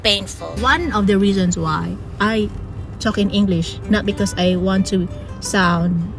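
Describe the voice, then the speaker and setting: A Filipino woman whose first language is Ilonggo vlogs casually from her home in Australia, her English carrying a Filipino accent with an Australian touch. Her medium-pitched voice is unhurried, she laughs often and stretches out her words, and music plays in the background.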